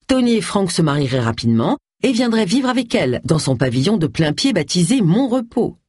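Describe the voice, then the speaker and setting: A husky audiobook narrator with a lively, swooping delivery. The reading moves expressively through the story and changes voice for each character. The recording is dry and close. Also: mid-range voice, dry recording. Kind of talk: scripted novel narration.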